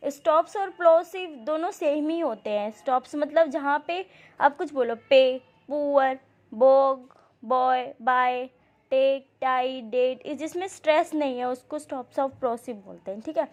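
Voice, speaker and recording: A woman's voice: high voice, animated, darkish tone. A woman teaching an exam-prep lesson, explaining terms and often asking the class questions before she answers them. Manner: explains with repeated checks and questions to students; reads English passages slowly and deliberately. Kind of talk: exam-prep coaching lecture.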